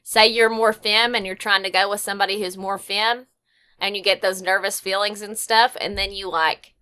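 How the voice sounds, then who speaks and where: A young woman with a bright, clear-edged voice talks at an ordinary pitch, and her words come in loose, rambling runs. She answers a podcast host casually and leans on filler words as she goes. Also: steady tone, normal speed. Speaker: podcast guest. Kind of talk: casual chat.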